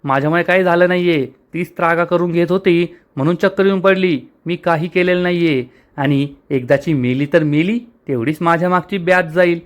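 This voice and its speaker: Man reading as sharp-tongued older woman, scornful, quarrelsome, slightly high voice, storybook recap. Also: fairly quick, close to an everyday voice.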